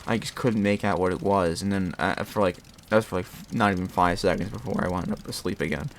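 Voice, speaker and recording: A man chatting casually and telling a personal story in a rambling, animated way, often interrupting himself and re-enacting bits of dialogue. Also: low-pitched, fast, a little hiss or hum. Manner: often laughs while talking. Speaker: storyteller recounting own experience.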